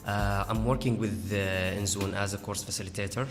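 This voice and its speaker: A man in his twenties, a course facilitator, talking in a halting way with many fillers. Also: fairly low pitch, steady tone. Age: 20s. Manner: halting, filler-heavy talk. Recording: reverberant, music behind.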